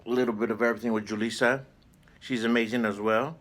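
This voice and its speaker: A man hosting a mukbang, chatting casually between bites and giving relaxed, halting shout-outs with plenty of fillers. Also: medium pitch. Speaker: mukbang host.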